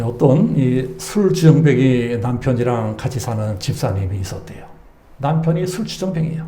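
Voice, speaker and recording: Lively, high-pitched preacher in an echoey church. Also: male voice. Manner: storytelling preacher, swings from loud exclamations to hushed asides. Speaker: pastor. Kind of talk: sermon. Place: church sanctuary.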